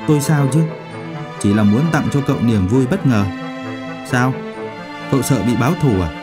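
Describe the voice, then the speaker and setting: A man's voice: medium pitch, lively intonation, moderate pace, music in the background, lightly acted. Man doing a smug, gleeful young man. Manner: gleeful, teasing.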